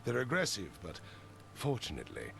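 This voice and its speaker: A man's voice: fairly low pitch, wildly swooping pitch, brisk, gravelly, over music, full character voice. A man playing a brusque, imperious town boss in a video game, speaking in a curt, formal, commanding way. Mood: grave, measured. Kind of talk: video game dialogue acting.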